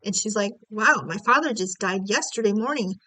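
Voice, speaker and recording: A woman's voice: mid-range voice, lively intonation, fairly quick, sharp tone, no echo, poor audio. A woman from the United States telling a family story in a casual, chatty way, acting out conversations with small laughs between phrases.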